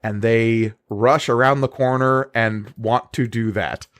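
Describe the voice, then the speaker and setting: A man with a mid-pitched voice runs a tabletop game as game master. He speaks slowly and casually, measuring out narration and rules. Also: fairly even intonation, fairly bright tone.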